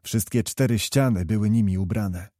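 A man reading a historical novel aloud in a measured, even storytelling manner. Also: lowish voice, no echo, clean studio sound. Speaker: audiobook narrator. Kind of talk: scripted narration of a historical novel.

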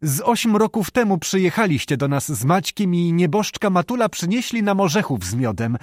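A man's voice: high voice, very animated, normal speed, no room sound, clean studio sound, pitched above the performer's own voice. A man reading an audiobook, voicing a bold, cheerful young peasant girl who hunts. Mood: teasing. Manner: cheerful, teasing, girlish.

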